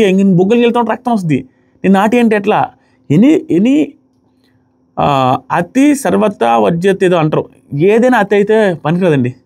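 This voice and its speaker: A man's voice: high-pitched, a little mellow. A man casually reviewing a reality show episode, giving his opinions to viewers. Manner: fast, opinionated, talking to viewers.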